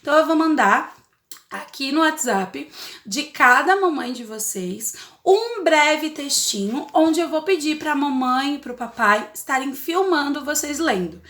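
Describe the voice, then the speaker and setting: A woman's voice: sits high, lively intonation, a little slow, a bit bright. A woman teaching young children in a recorded lesson, explaining step by step in a sing-song, encouraging way. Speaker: primary school teacher.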